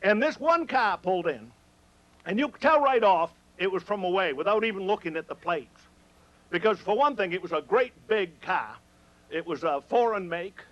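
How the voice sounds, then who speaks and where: Male stage humorist with a Maine accent: high voice, folksy and teasing yarn-spinner, slightly muffled sound. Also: lively intonation, moderate pace, fairly bright tone. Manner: folksy, rustic dialect, teasing the audience. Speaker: humorist telling stories on stage. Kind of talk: live comic storytelling. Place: on stage before an audience.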